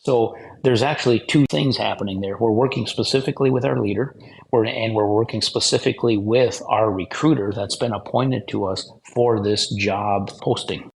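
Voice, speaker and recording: A man's voice: on the low side, moderate pace, vocal fry, poor audio. Man listing points methodically. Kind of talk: conversational interview answer.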